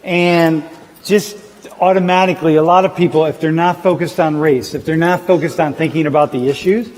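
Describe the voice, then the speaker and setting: A man's voice: on the high side, a little fast. A man leading a class discussion in a large lecture hall, quizzing students with a handheld mic. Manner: quizzing, energetic questioning. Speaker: class instructor.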